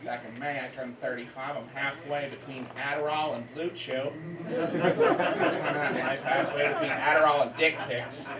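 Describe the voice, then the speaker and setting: A man in his thirties from southern Maine doing a deadpan, self-deprecating stand-up set, repeating his lines. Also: mid-range voice, moderate pace. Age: 30s. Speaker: stand-up comedian. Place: comedy club stage. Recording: roomy club sound from a distance, loud crowd laughter. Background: crowd laughing.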